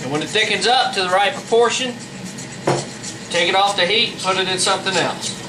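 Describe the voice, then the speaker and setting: A man's voice: high-pitched, fairly quick. A man giving a casual, folksy, plain-spoken cooking demonstration as a home cook. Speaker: home cook presenting a recipe. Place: indoor kitchen with a running fan. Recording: roomy, noisy fan hum, distant mic. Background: fan noise.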